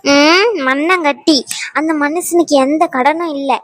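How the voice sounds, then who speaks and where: A woman's voice: sits high, steady tone, a little slow, no echo. A woman voicing a strong-willed young wife in a cartoon dub, talking emphatically and scolding. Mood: determined. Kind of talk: cartoon dubbing.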